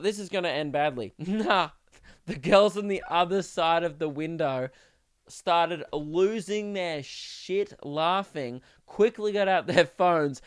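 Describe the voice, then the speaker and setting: Aussie guy from melbourne spinning a yarn on his podcast, bit high voice, smooth, dry close mic. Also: no room sound. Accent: Australian. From Melbourne, Australia. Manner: animated, laughing at his own story, slangy. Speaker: podcast host, comedian. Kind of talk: comic storytelling monologue.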